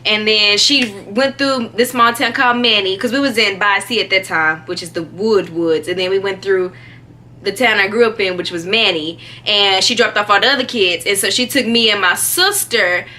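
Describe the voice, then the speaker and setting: A young woman telling a story in a casual, animated way, chatty and often laughing. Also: mid-range voice, normal speed, a little hiss or hum. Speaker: vlogger.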